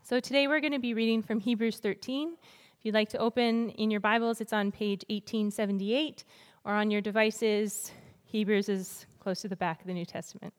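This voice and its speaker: Woman talking informally to a church crowd, medium pitch, big echoey hall sound. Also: fairly even intonation, normal speed, smooth. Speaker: guest church speaker. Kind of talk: informal address to a congregation. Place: large church hall, speaking to a congregation.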